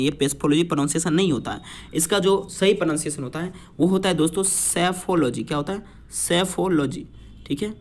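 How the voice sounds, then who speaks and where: A man's voice: a little high, a little hiss or hum. Male teacher drilling vocabulary. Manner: explains patiently, repeating and quizzing. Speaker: exam prep teacher. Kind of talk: vocabulary lesson.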